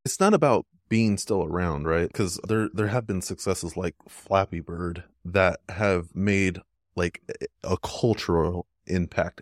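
Deep man, dry close sound, rambling casual talk, podcast guest. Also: no echo. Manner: rambling, frequent "like" fillers. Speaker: podcast guest, app developer.

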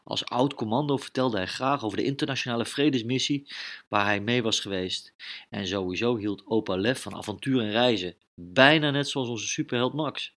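A man narrating a children's adventure story with lively, dramatic delivery. His pitch stays mid-range, and he throws in his own sound effects as the plot races on. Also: normal speed.

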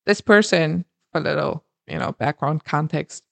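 A woman co-hosting a casual chat podcast from Germany, chatty and quick to laugh. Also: deep voice, creaky, no room sound. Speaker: podcast co-host.

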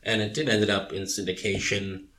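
A man's voice: on the low side, flat delivery, normal speed, sharp tone. Rambling man in casual podcast chat. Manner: rambling, many fillers. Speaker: podcast co-host.

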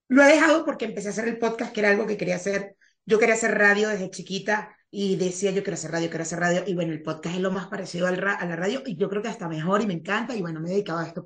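A woman with a fairly high voice, a guest on a podcast, chatting casually. She talks in an animated, lively way and slips into quieter asides as she tells her story. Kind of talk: casual interview chat.

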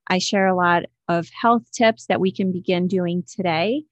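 A woman's voice: fairly low pitch, moderate pace, lo-fi sound. A woman in her thirties from Slovakia, a podcast host and health coach, chatting casually in an interview with lots of filler words. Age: 30s. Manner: chatty, many fillers like "like" and "you know".

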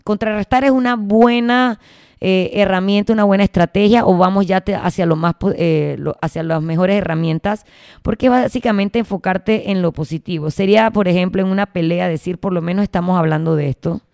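A woman's voice: mid-range voice, moderate pace, a little mellow, clean tone, dry recording. Chatty woman podcaster, dry sound. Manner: chatty, slangy, acts out quoted arguments. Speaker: podcast host. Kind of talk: casual podcast monologue.

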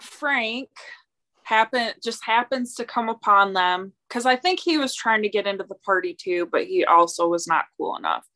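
A woman casually recapping a movie's plot, telling it in an unhurried way with light laughs. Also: medium pitch, animated, sharp tone.

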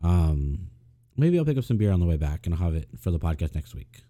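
A man's voice: low voice, very animated, a little fast, warm tone. A laid-back man, co-hosting a casual podcast chat, swearing often and using lots of fillers. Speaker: podcast co-host.

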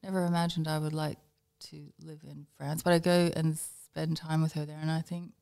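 Woman guest from Northern Ireland, low voice, soft-spoken and halting, trails off at the ends of lines. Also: flat delivery, vocal fry. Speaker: podcast guest, designer. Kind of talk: podcast interview chat.

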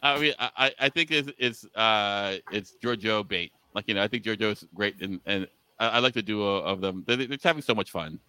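A man co-hosting a podcast in casual chat, an animated storyteller who laughs often and restarts his sentences. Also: lowish voice, moderate pace, hardly any pauses, clean tone, no echo, rough recording. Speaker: podcast co-host.

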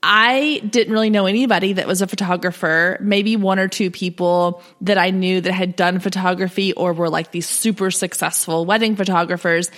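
A woman's voice: fairly low pitch, steady tone, moderate pace, few pauses, fairly bright tone. A woman hosting a podcast in chatty, upbeat, informal talk, her voice scratchy and cracking from a sore throat. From Texas, US South. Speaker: podcast host. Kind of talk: casual solo podcast talk.

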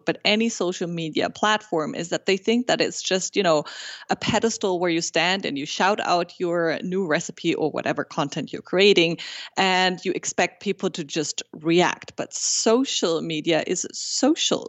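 A woman's voice: fairly low pitch, no room sound. German-accented woman guest on a muffled line. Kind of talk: podcast interview.

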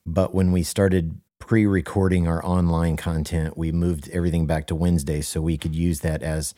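A low-voiced man talks on a podcast as a worship leader, his tone warm and mellow. He speaks earnestly, hammering points home by repeating them, and slips in deadpan jokes. The sound is dry and close, with no room around it. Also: moderate pace, dry recording. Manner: earnest and emphatic, repeats key phrases for stress. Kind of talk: casual podcast conversation.

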